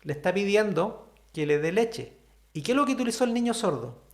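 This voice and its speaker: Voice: mid-range voice, animated, a little fast, roomy sound. A sign language teacher, patiently explaining ideas to an online class and often checking in with the listeners.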